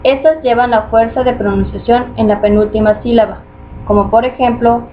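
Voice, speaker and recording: A woman reading a grammar lesson aloud in a steady, measured way, going through rules and examples. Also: fairly high pitch. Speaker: student presenter. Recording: muffled lo-fi recording with faint noise.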